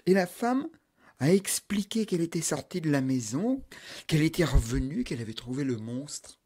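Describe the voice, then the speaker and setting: A male storyteller telling a folk tale aloud with a slightly high voice. He builds rhythm through repetitions and bursts into sudden loud cries. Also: big pitch swings, moderate pace, husky.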